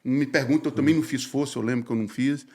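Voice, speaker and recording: A man, a pastor telling his life story in a casual, slangy, animated way and acting out the dialogue. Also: medium pitch, racing. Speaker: pastor, podcast guest.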